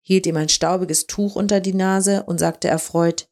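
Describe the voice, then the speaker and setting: Woman narrating a story, lower voice. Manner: calm, measured reading. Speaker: story reader.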